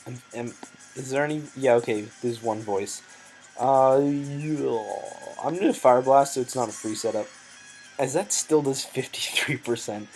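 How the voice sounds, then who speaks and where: A man's voice: mid-range voice, a little slow, a little mellow, soft background music, poor audio. A man giving hesitant, thinking-aloud commentary over his competitive game, with frequent ums and self-corrections, and his voice sometimes cracks.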